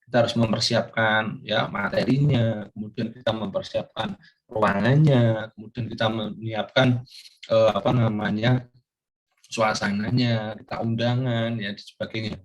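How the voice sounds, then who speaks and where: A man's voice: fairly low pitch, steady tone, unhurried. An older man giving a recorded course lecture, rambling with many fillers and questions put to his students.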